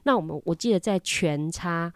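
A woman's voice: moderate pace, slight background noise. Chatty Taiwanese woman telling a story. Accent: Taiwanese Mandarin. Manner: animated, repeats words, lively pitch jumps. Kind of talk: casual storytelling chat.

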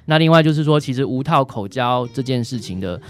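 A man with a Taiwanese accent, a doctor appearing as a radio guest, answers questions conversationally and often ends phrases with short tag particles. His medium-pitched voice is animated and brisk, with soft background music.

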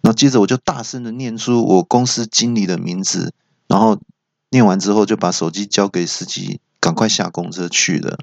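A young man with a Taiwanese Mandarin accent, hosting a solo comedy show and telling self-mocking stories in an animated way. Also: brisk, vocal fry, no room sound, lo-fi sound. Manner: animated, self-mocking, jumps into high voices. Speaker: talk show host. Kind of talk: solo stand-up storytelling.

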